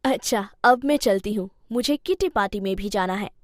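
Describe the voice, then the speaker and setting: A woman's voice: mid-range voice, moderate pace, dry recording, studio quality, voice pushed down, close to an everyday voice. A woman voicing a teasing, scheming young female friend in a cartoon story. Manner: teasing, conspiratorial.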